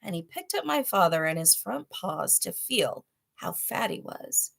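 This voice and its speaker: A woman reads a children's story aloud in a medium-pitched voice. She narrates as a storyteller for young listeners and speaks to them in chatty asides. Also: very animated, unhurried, gravelly, a bit bright.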